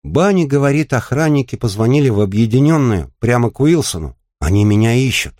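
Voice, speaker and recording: A man's voice: mid-range voice, lively intonation, brisk, darkish tone, dry recording, clean studio sound, voice pushed up, natural voice. A man voicing a frightened young female courier who pleads tensely, lifted above his own voice. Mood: pleading.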